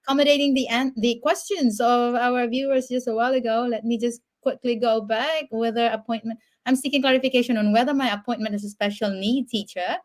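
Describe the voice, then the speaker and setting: A woman hosting an online talk show over a video call, friendly and reading out viewer questions. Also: fairly high pitch. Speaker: host.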